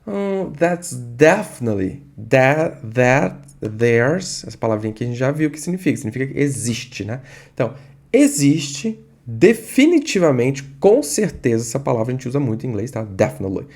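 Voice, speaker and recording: A man with a Brazilian Portuguese accent teaching an English lesson online, patiently repeating and drilling words slowly. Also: medium pitch, very animated, darkish tone.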